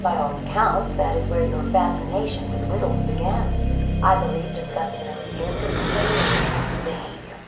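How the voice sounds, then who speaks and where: An actress playing a composed, tired female psychiatrist in a video game, measured and clinical as she records interviews. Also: fairly low pitch, natural voice. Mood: patient. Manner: measured, clinical, reading notes into a tape. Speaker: psychiatrist doctor. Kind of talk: video game voice acting, taped patient interviews. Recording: echoey with loud music underneath.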